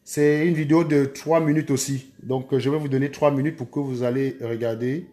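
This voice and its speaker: A man's voice: medium pitch, fairly even intonation, fairly quick, dark tone. A man hosting a live stream, chatting casually and repeatedly urging his viewers to hurry. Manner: urgent, repetitive urging of viewers.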